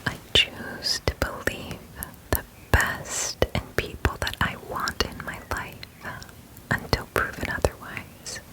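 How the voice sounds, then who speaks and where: Nurturing garden fairy female performer for whispered role-play: tender, affirming, very slow, fully whispered. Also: natural voice, low-quality recording. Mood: soothing, tender. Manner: soothing, affirming, slow and deliberate. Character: gentle nurturing fairy tending an inner-child garden. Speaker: ASMR performer.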